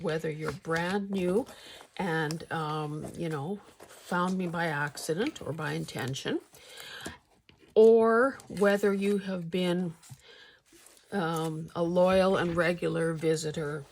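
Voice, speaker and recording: An older woman hosting a casual craft vlog, speaking haltingly with a husky, gravelly voice, slightly mouth-full as if sucking a candy. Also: fairly low pitch, slight background noise. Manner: halting, hesitant delivery with pauses. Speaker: craft channel host.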